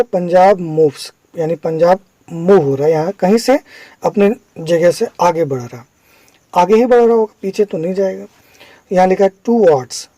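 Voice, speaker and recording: A man's voice: high voice, mellow, no room sound, rough recording. A man teaching English, patiently explaining each step and asking the listener if they follow. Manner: patient, checks understanding with questions. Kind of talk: explaining a lesson.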